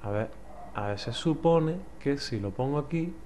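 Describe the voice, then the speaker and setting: A young man from Spain with a Spanish accent, playing a puzzle game and thinking out loud. His voice sits at an ordinary middle pitch, and he mutters, curses freely and snaps into loud frustrated shouts. A faint hiss of noise sits under the recording. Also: animated, moderate pace. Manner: swears a lot, mutters to himself, bursts into frustrated yells. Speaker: gameplay commentator. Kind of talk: let's play commentary.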